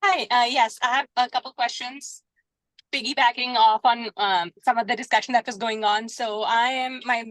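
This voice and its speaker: A woman phoning into a meeting from behind the wheel, her voice sitting a little high and coming through dry and close, with little room sound around it. She speaks in halting bursts full of "um"s and apologies. She is a parent asking for advice. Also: fairly even intonation, a bit bright, no room sound, rough recording. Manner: hesitant, many filler sounds, apologetic. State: talking while driving a car. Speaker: parent of a gifted child. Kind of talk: asking questions on a group video call. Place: inside a moving car.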